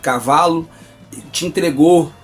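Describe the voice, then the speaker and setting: A man's voice: a little high, takes it slowly, faint music behind. Man voicing menacing male demon, commanding and possessive, light tone.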